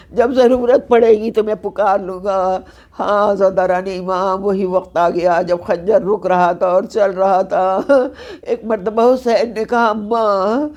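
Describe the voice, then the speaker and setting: A woman delivers a mourning sermon as a zakira at a memorial gathering. She speaks in an impassioned, lamenting tone and repeats her phrases for weight. Her voice sits at a middle pitch. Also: a little mellow. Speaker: zakira, mourning-assembly reciter.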